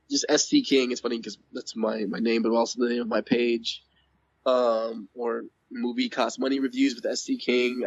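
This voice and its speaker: A man guest in a casual interview, hoarse with his voice going out, talking in a rambling, enthusiastic way. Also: medium pitch. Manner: rambling, enthusiastic, laughs often. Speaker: podcast guest. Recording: dull lo-fi audio.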